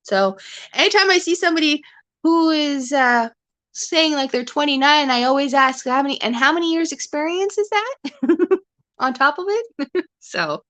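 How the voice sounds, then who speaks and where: Her voice sits high and sounds fairly bright and expressive as this Canadian host in her forties chats with livestream viewers at a normal speed. She rambles, restarting often and using plenty of fillers. The webcam or phone audio has no echo.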